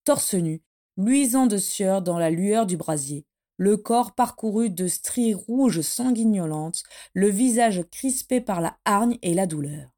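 A woman narrating a fantasy story in a steady, measured audiobook reading. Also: medium pitch. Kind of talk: audiobook narration of fan fiction.

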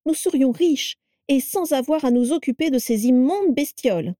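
Brief: shrill, whiny scheming wife, high and loud, put on by a woman reader; mellow tone. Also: lively intonation, normal speed, no echo, clean studio sound. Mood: whining. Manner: whiny, high-strung, theatrical.

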